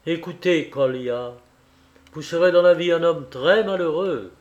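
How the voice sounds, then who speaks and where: A man reading aloud as a kind young man who speaks in a soft, reassuring way. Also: a little high, unhurried, muffled recording, close to an everyday voice. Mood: gentle. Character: gentle, kind young man, calm and sincere.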